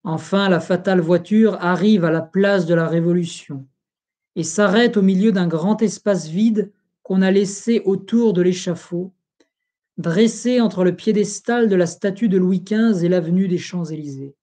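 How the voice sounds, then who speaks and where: Narrator: solemn audiobook reader of an old history book, mellow, steady. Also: medium pitch, moderate pace. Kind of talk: reading a history book aloud.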